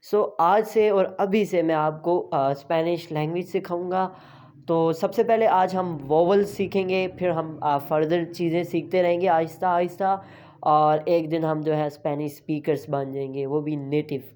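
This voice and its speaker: A man teaching an online language lesson, patiently repeating each sound slowly several times, with frequent hesitation sounds between phrases. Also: high voice, warm tone.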